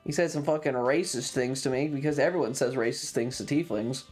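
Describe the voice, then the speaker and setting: A streamer running a variety game stream retells a story to chat, casual, sweary and sardonic, animatedly acting out the dialogue. The voice is medium-pitched, brisk and slightly rough, with video game music behind it.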